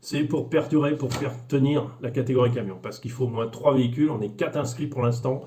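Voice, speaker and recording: A man chatting casually to his viewers as a hobby vlogger, rambling with many fillers and restarts, his pitch often jumping up. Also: fairly quick, dark tone, slight background noise.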